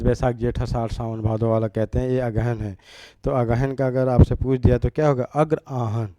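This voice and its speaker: A man's voice: medium pitch, mellow, no room sound. A man teaching an exam-prep grammar lesson, repeating each word and asking rhetorical questions as he writes.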